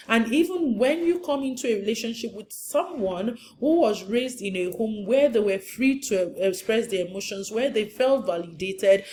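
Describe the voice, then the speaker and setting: A woman's voice: medium pitch, a little mellow, a little hiss or hum. A woman marriage counselor giving an earnest, emphatic teaching talk, often repeating her points for stress.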